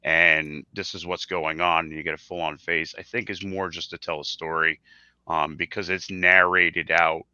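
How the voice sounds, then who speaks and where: A man on a podcast panel, speaking haltingly with many fillers. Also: low-pitched, little pitch movement, pushed and bright, clear, resonant tone, no echo, dull audio. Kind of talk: casual podcast chat.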